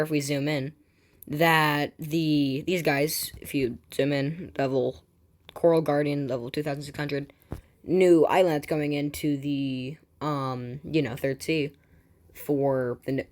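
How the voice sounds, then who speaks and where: A woman with a notably deep voice hosts a gaming channel in a loose, casual way. She reads news aloud, then drifts into excitable tangents, restarting sentences and padding them with filler words. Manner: excitable, jumps between reading and personal asides. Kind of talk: casual commentary while reading game news aloud.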